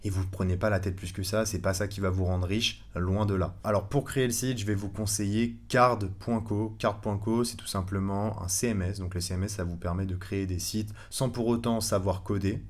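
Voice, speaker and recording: A man giving a casual screen-recorded tutorial, chatty and relaxed, with many fillers and self-corrections. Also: fairly low pitch, a little fast, hardly any pauses. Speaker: online course instructor.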